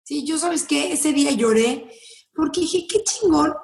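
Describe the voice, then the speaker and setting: A woman with a Mexican accent, a guest telling her story in an interview, blunt and expressive, swearing freely. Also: sits high, a little slow, gravelly, reverberant. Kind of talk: candid interview talk.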